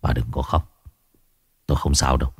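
A man's voice: extremely low pitch, lively intonation, normal speed, a little mellow, slightly rough, dry recording, clean studio sound, voice pushed down, exaggerated voice. A man voicing a possessed old village man who mutters coldly and menacingly. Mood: eerie, menacing.

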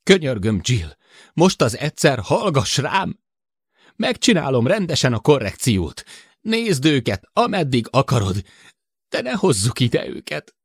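A man's voice: medium pitch, big pitch swings, slightly rough, dry recording, clean studio sound, pitched above the performer's own voice. A man reading an audiobook voices a frightened male spaceship crewman, pleading and urgent. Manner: urgent, imploring, sullen when grumbling.

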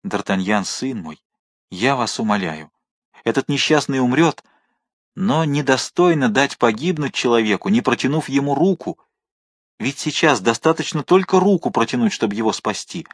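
A man playing a dignified older nobleman in a storybook reading, soft-spoken and imploring, his mid-range voice kept gentle. The sound is dry and close. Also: mid-range voice, expressive, moderate pace, no echo, lightly acted.

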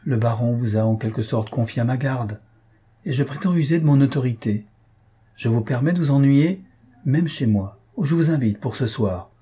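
A man's voice: mid-range voice, moderate pace, mellow, husky. A man voicing an affectionate but bossy society lady who talks firmly and coaxingly.

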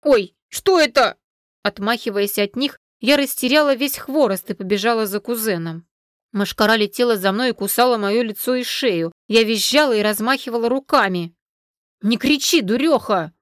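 A woman narrating a first-person fantasy audiobook with an even storytelling delivery. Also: on the high side, brisk, dry recording, studio quality.

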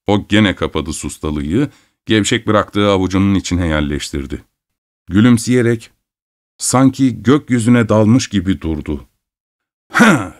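A man narrating an audiobook in a measured, expressive storytelling manner. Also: low voice.

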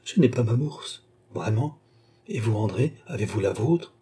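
A man's voice: lowish voice, expressive, unhurried, mellow, breathy edge, exaggerated voice. A man reading an audiobook, voicing an anxious noble lady who hurries to pay the fare. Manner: urgent, flustered.

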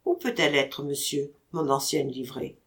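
A woman's voice: low voice, fairly even intonation, normal speed, fairly bright tone, pitched below the performer's own voice. A woman reading a storybook audiobook, voicing a meek, eager young male servant who answers humbly. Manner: humble, deferential replies.

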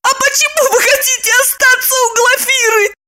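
Woman voicing a shrill jealous Lipochka. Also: fairly even intonation, moderate pace, pushed and bright, full character voice. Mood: indignant shrill. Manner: high-pitched, shrill, accusing outbursts. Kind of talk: audiobook character voicing.

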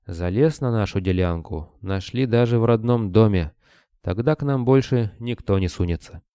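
A man's voice: on the low side, normal speed, mellow, clear, resonant tone, dry recording, clean studio sound, voice pushed up, lightly acted. A man voicing a brash, eager young male werewolf who talks bluntly.

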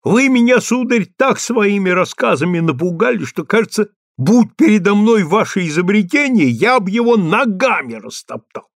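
A blunt old army major, as a male reader acts him out, blustering and excitable, his voice pushed high and bouncing around. Close, dry sound. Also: moderate pace, hardly any pauses, no room sound.

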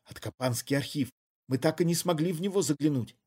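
A man voicing a hysterical, scheming middle-aged woman who shouts her accusations in a high, shrill voice. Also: fairly quick, slightly rough. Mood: anxious.

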